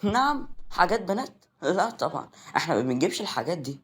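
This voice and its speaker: A man's voice: high voice, sing-song, fast talker, pitched above the performer's own voice. A man voicing a sly, pushy young woman in an Egyptian accent, in a read-aloud audio story.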